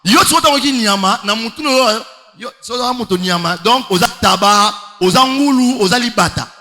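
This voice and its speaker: High bright-voiced preacher in a hall. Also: male voice, animated, moderate pace. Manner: emphatic, rhetorical questions, sing-song stretches. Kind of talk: sermon. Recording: long hall reverb.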